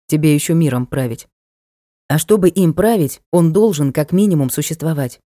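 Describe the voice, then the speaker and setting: A woman's voice: low-pitched, warm tone, no room sound, studio quality. A woman voicing a blunt, mocking young male knight in an audiobook, brusque and matter-of-fact. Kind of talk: audiobook character voice.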